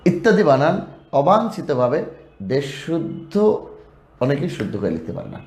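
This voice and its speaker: A man's voice: a little high, very animated, moderate pace, a little mellow, reverberant. A man teaching a spelling lesson, reading out word lists in a rising sing-song and explaining the rules, with a Bangladeshi Bengali accent.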